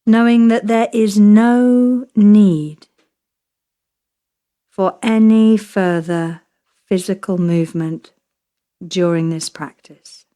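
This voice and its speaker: Guiding a relaxation meditation, a female yoga nidra teacher speaks in short phrases separated by long pauses, her manner soothing and measured. Her medium-pitched voice is mellow and fairly even in intonation.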